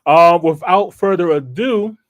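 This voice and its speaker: A man's voice: high-pitched, measured pace, no echo. A man hosting a live online talk show, chatting loosely with slang and frequent laughs. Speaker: podcast host. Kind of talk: casual live-stream chat.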